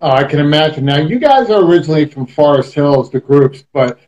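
A New York man in his thirties hosts with a chatty, joking manner. His voice sits a little higher than most men's and comes over a video call. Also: a little fast, a little mellow, poor audio. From Queens, New York. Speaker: talk show host. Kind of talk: casual interview chat.

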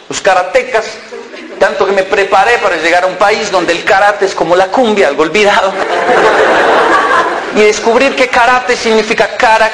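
A man in his thirties from Colombia, giving a humorous motivational talk with lively comic storytelling and acted-out dialogue. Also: high-pitched, a little hiss or hum, low-quality recording. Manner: animated, acts out quoted dialogue with mock voices; lively comic timing, self-mocking. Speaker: motivational speaker.

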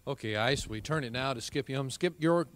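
A man's voice: medium pitch, moderate pace, fairly bright tone. A man in his twenties hosting a wrestling promo as broadcast interviewer, holding a handheld microphone. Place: indoors, small locker room.

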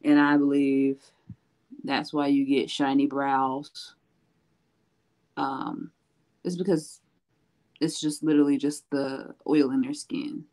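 A woman's voice: a bass voice, level tone, slow pace, pauses often, darkish tone, poor audio. A woman co-hosting a live makeup show, explaining beauty tips in a chatty way with frequent fillers. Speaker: makeup co-host with her own lash line. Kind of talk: casual makeup tutorial chat.

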